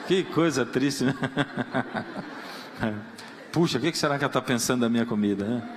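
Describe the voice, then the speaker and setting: A man's voice: medium pitch, unhurried, noisy background. A man, a pastor, preaching a sermon in a church, telling stories playfully and acting out quoted prayers in other voices. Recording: long reverb of a church hall.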